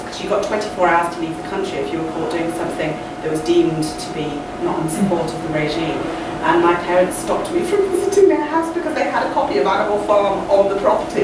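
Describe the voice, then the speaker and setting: A woman's voice: medium pitch, recorded from a distance. A woman from Malawi telling an earnest, reflective personal story in a group discussion. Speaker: workshop participant. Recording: noisy echoey room from afar.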